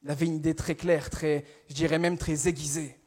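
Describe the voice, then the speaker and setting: A young French man preaches a sermon in a high-pitched voice with a brisk, breathy edge. He tells stories in a lively, self-mocking manner, often stumbling and restarting mid-phrase as he builds toward his point.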